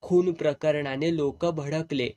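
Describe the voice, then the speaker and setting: A man with a fairly high voice tells a dramatic village story, painting scenes in vivid, earthy rural language. His delivery is expressive storytelling, steady through the narration. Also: slow.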